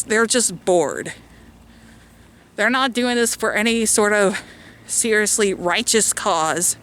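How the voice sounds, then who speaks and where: A woman's voice: medium pitch, a bit bright. Woman, chatty outdoor vlog rant, slightly breathless, many fillers, handheld camera. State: out of breath from walking. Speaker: vlogger. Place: outdoors on a walk.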